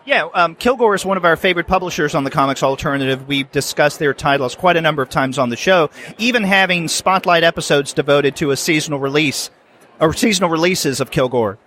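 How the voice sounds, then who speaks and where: A man's voice: fairly high pitch, fairly quick, a bit bright, a little hiss or hum. A male podcast host asking a guest polite, prompting interview questions.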